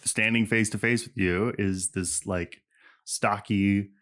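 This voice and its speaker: A man narrating as game master in relaxed, descriptive casual speech, calling for dice rolls. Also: fairly low pitch, takes it slowly.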